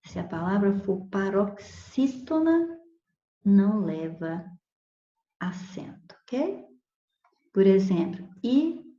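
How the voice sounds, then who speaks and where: A woman's voice: medium pitch, sing-song, slow, long pauses, warm tone. A woman teacher explaining spelling rules patiently, repeating examples and checking in with "ok?". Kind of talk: recorded grammar lesson. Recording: echoey room, dull lo-fi sound.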